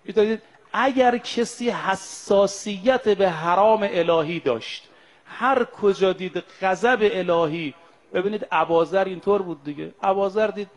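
A man with a notably high voice preaches to a gathering of pilgrims. He chants Arabic prayer lines slowly, then breaks them down in everyday speech, often calling out to the brothers and sisters listening. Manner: slows down to chant Arabic prayers and quotes, then explains them in plain talk; addresses the audience directly, brothers and sisters. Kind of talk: sermon to pilgrims.

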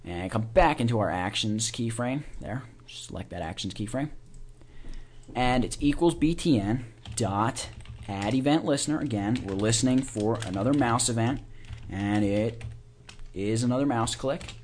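A man teaching software in a casual screencast, informally talking through each click and keystroke as he does it. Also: medium pitch, expressive, normal speed, slight background noise. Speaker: software tutorial instructor. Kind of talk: casual step-by-step screencast tutorial.

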